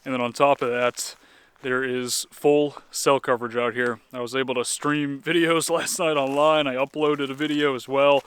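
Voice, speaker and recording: An American man talking casually to viewers as a travel vlogger, in an easygoing, unhurried way. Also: mid-range voice, a bit bright, clean tone, dry recording. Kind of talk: casual vlog narration.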